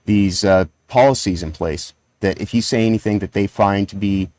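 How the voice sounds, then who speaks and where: A man's voice: lowish voice, normal speed, darkish tone, no echo. A man co-hosting a casual live-stream chat, talking in a rambling way with many fillers, heard through a peaking mic that clips and distorts. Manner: rambling, full of "uh" and "you know". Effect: clipping, distorted mic from peaking levels. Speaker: podcast co-host.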